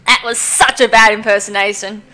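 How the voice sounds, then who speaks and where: Bright-voiced woman commenting on a game. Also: medium pitch, fairly even intonation, moderate pace. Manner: joking, chatty asides. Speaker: gameplay video host.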